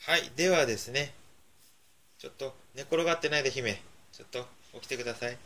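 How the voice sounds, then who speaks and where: A man hosting a community radio show, playfully coaxing and teasing a small child in a lively chat. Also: mid-range voice, a little fast. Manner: teasing, coaxing, laughing often. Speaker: radio host.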